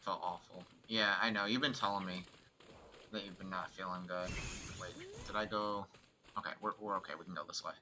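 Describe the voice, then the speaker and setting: Bright-voiced young man gaming casually. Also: sits low, fairly even intonation, brisk, slight background noise. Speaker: let's play host.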